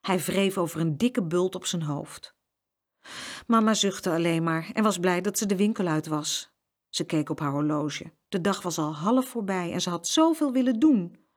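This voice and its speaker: A woman's voice: fairly low pitch, lively intonation, moderate pace. A woman reading a children's story aloud and acting out the sound effects.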